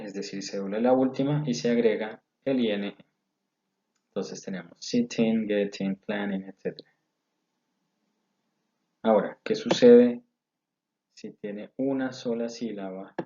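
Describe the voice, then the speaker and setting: Slow, low-voiced man teaching grammar. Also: mellow. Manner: slow, explanatory, repeating rules step by step. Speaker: English teacher. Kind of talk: recorded video lesson. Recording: dull lo-fi audio.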